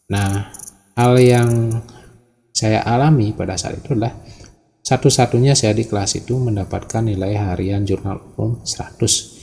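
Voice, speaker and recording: 40s teacher guy from bali, slow and measured, lots of pauses, gravelly voice. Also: fairly low pitch, dark tone. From Bali, Indonesia. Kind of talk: reflective presentation.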